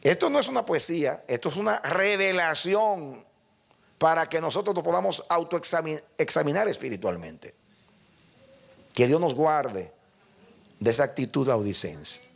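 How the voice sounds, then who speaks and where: Older man preaching with a gravelly voice. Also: on the high side, lively intonation, moderate pace. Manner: emphatic preaching, directly addressing the congregation. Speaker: pastor. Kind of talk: sermon.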